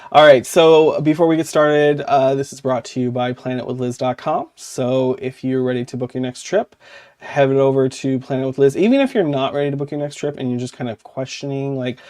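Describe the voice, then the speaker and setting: A man chats casually as a podcast co-host, with a voice of ordinary pitch. His talk wanders and leans on "like," and he often stops to fix what he just said. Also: a little fast, a little mellow. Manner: chatty and rambling, often saying "like" and correcting himself.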